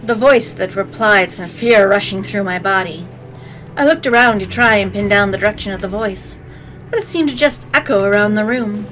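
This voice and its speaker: Woman doing a lets play, reads the story out with sassy asides, medium pitch, bit of music behind. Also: moderate pace, a bit bright, low-quality recording. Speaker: let's play host. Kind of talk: reading game narration aloud with joking commentary. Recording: faint game music behind. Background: game music.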